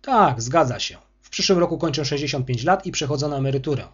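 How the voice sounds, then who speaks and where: A man's voice: on the high side, animated, quick pace, slightly rough, highs cut off. A man voicing a polite, restrained older headmaster in his sixties who defends himself. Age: 60s. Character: older male school headmaster, calm but offended.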